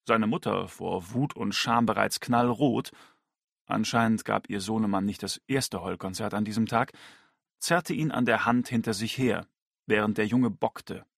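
A man narrating an audiobook in a measured, storytelling manner. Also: lowish voice, gravelly, no echo, studio quality.

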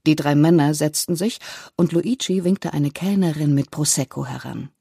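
A narrator reading a novel in a calm, measured manner. The voice is dark and gravelly with a husky edge, recorded close and dry. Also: medium pitch, no room sound. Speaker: audiobook narrator.

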